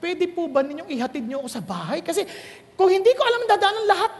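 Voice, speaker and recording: A middle-aged man preaching a sermon, telling stories with laughter and lively swings. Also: very high-pitched, fast talker. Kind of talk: sermon in mixed Tagalog and English. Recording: long hall reverb.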